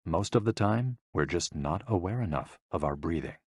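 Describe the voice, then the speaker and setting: Low-voiced man reading an audiobook. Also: breathy edge, no echo, clean studio sound. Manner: calm, measured reading of instructions and explanations. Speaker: audiobook narrator. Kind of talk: scripted audiobook narration.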